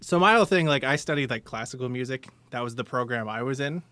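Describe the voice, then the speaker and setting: A man's voice: mid-range voice, fast talker, sharp tone, no echo. A man chatting casually on a podcast in an easygoing, colloquial way. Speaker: podcast participant, classically trained musician.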